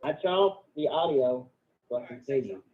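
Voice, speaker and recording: A man's voice: mid-range voice, animated, moderate pace, breathy edge. A man calling in and heard over a phone line, answering in brief, plain replies. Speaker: caller.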